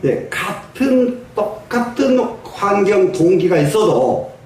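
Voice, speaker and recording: A man's voice: sits high, very animated, takes it slowly, darkish tone, slight background noise. An older man, a Buddhist monk, giving a folksy sermon and telling stories, often asking his listeners for a reply. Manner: folksy storytelling, asks the audience for replies and chuckles. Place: large echoing meditation hall. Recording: distant mic in a very echoey hall.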